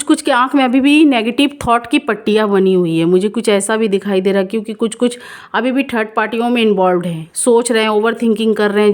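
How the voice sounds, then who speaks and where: A woman doing a casual, reassuring tarot reading for viewers, repeating herself and mixing in English words. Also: on the high side. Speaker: tarot card reader.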